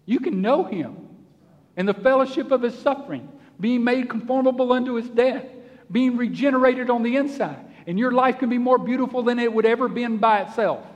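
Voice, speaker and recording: A man preaching in a church, his voice set high for his sex and ringing with a long hall reverb. He delivers a folksy, animated sermon, putting on small voices to act out his examples. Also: fairly quick, highs cut off. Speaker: pastor.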